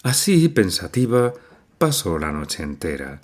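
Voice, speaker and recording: A man reads a novel aloud as an audiobook narrator. His voice sits low, yet it rises and falls widely for dramatic effect. The delivery is expressive and measured.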